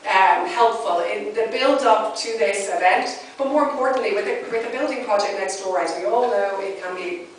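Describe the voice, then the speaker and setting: A woman's voice: medium pitch, normal speed. A woman giving a chatty, self-deprecating thank-you speech to an audience, laughing often. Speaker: arts centre director giving a speech. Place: large echoey room, in front of an audience. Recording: very echoey, distant, faint room noise.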